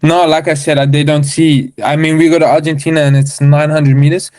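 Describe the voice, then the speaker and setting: A man's voice: a little high, little pitch movement, a little fast, a little mellow. A man with a South African accent, a motocross racer explaining things step by step in a casual podcast interview. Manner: matter-of-fact, explains step by step.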